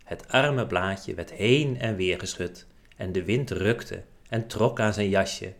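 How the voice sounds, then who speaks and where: A man narrating a children's storybook chapter aloud in a gentle, expressive storytelling manner. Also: on the low side, slow, creaky.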